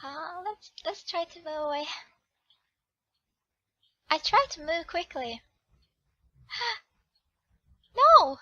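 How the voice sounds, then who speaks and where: A woman narrates a romance visual novel aloud in the heroine's voice and stops to correct her own reading. Her voice is high and bright, and she speaks slowly. The recording is dry and slightly dull. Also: dry recording. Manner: reads the heroine's lines, corrects herself aloud. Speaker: channel host reading a game.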